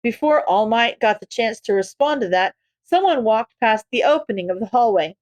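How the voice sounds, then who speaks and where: Higher-voiced woman reading a story. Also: lively intonation, normal speed, darkish tone, no room sound. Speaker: audiobook reader. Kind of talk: fan fiction narration.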